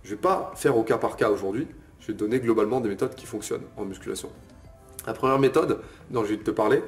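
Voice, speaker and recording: A man's voice: mid-range voice, a little mellow. A young man, a fitness coach, casually explaining bodybuilding methods to the viewer with frequent fillers and check-ins. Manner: informal, addresses viewer as tu, frequent "ok?" and "euh". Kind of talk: casual bodybuilding lesson to camera.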